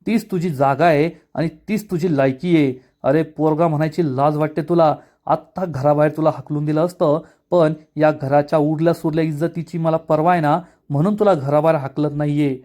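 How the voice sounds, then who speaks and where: A man's voice: fairly high pitch, steady tone, brisk, few pauses, warm tone, lightly acted. A man reading the lines of a stern, powerful father scolding his son with contempt.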